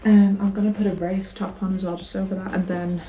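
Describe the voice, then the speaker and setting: A woman chats informally to the camera as she gets ready. Her voice sits at a middle pitch for a woman, and music plays clearly behind it. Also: level tone, brisk, muffled recording. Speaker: running vlogger. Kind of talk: casual get-ready-with-me chat.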